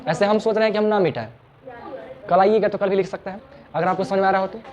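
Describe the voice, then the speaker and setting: Joking tutor in a classroom. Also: male voice, high voice, steady tone, fast, crowd noise. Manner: chatty and joking, repeats words of address. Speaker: English tutor. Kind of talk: informal classroom teaching. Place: small classroom.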